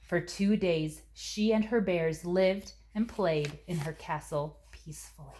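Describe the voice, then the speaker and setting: Lower-pitched woman reading a children's story. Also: unhurried, darkish tone. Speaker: storybook reader. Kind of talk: read-aloud children's story narration.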